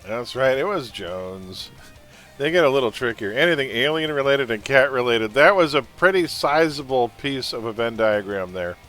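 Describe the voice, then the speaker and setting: A man's voice: mid-range voice, lively intonation, moderate pace, a bit bright, faint music behind. A man hosting a trivia quiz on a livestream, reading questions and making sarcastic jokes between them.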